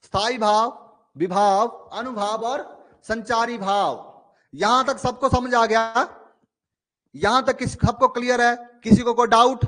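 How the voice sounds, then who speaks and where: A man's voice: steady tone, unhurried, a bit bright. A male teacher giving an online exam-prep lecture, explaining with everyday examples and checking understanding again and again. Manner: explains with everyday examples, keeps asking "ठीक है?"; acts out little inner dialogues in a lowered voice.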